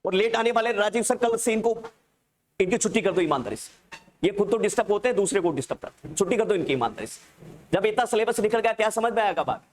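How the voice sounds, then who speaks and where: A man teaching a nursing exam class. He dictates terms slowly and repeats them for students to write down. He keeps checking that they have understood and calls them "child" in a fond, coaxing way. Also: high voice, expressive, slight background noise.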